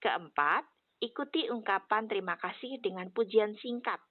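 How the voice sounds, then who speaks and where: A woman teacher explaining English phrases in a clear, instructive way. Her voice comes through a narrow, tinny channel. The room sound is dry and close. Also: medium pitch, lively intonation, moderate pace, no echo.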